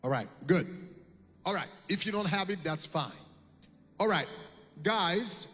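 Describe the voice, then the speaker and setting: A man preaching a sermon, leading his congregation through a slow, deliberate reading while an interpreter translates his lines. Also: sits high, expressive, fairly bright tone, soft background music. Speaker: bishop preaching. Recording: reverberant hall.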